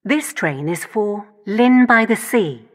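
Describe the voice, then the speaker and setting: A woman's automated onboard train announcement, made of spliced-together recorded words that jump abruptly in pitch and loudness. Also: slow. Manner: lively pitch with abrupt jumps between clips. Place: train carriage in a video game. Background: train noise and air conditioning.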